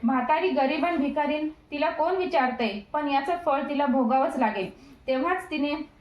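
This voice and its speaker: A woman voicing a poor old woman who is a goddess in disguise, talking slowly and shakily, in an echoey room. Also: high voice, muffled recording, close to an everyday voice. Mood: indignant.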